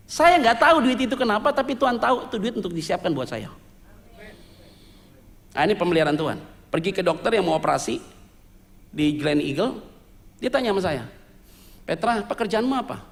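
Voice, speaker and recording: Male pastor, high-pitched, animated storyteller, church reverb. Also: fairly quick, gravelly, pauses often. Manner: lively storytelling with jokes, mixing Indonesian slang and English words. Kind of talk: sermon testimony. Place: church sanctuary.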